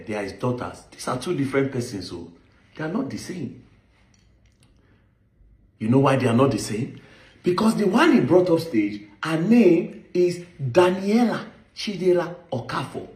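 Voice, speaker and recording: A man with a Nigerian accent giving an impassioned, accusatory monologue, stressing points with rhetorical questions. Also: mid-range voice. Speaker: online commentator. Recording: echoey room.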